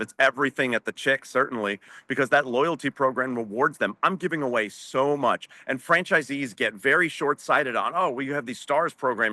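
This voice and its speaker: A man's voice: medium pitch, bright, forceful tone, dry recording. A man speaking on a video-call webinar panel as a franchise owner, emphatic and preachy, firing off rhetorical questions.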